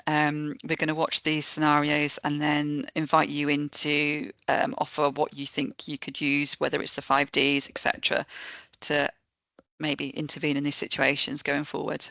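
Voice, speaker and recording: A woman's voice: sits low, vocal fry, sharp tone, dry recording. A woman presenting an online training session in a friendly, lightly joking way. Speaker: webinar presenter.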